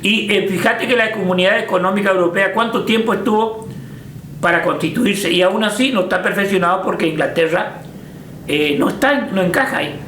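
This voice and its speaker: A man's voice: high-pitched, a little fast, bright, forceful tone, reverberant, a little hiss or hum. An older man with an Argentine Spanish accent, recalling the past in a hesitant interview, full of fillers and restarts. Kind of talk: casual reminiscing interview.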